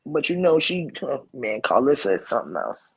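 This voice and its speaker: Husky, blunt woman hosting a live chat. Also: very deep voice, very animated, fairly quick. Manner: blunt, emphatic, laughs along. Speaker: live stream host. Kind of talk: casual commentary chat.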